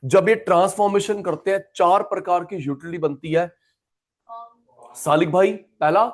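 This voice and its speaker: Guy teaching economics, high voice, keeps repeating stuff and calling on students. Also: steady tone, moderate pace. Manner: chatty, repetitive, addresses students by name. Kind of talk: classroom lecture.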